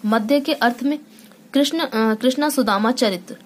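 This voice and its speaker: A woman with a voice pitched a little high teaches a school grammar lesson. She explains each point patiently, stops often with small hesitations, and keeps asking the class whether they follow. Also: moderate pace, slight background noise. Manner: explains step by step with frequent hesitations and check-ins.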